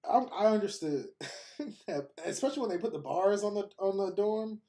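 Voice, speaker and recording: Laughing often, a podcast host in his thirties chats casually while browsing and reading aloud. His voice is high-pitched and dark in tone, with lively intonation at normal speed and no echo.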